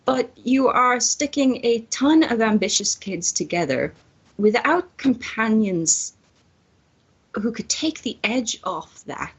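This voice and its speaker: In a dull lo-fi recording, a woman debating casually over drinks on a barstool lays out her points one step at a time, argumentatively. Her voice is fairly high, expressive and breathy, and she speaks slowly.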